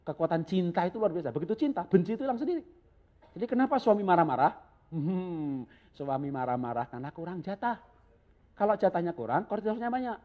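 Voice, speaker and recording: A man's voice: high-pitched, very animated, quick pace, warm tone. A man preaching a humorous sermon, joking and chuckling often as he talks.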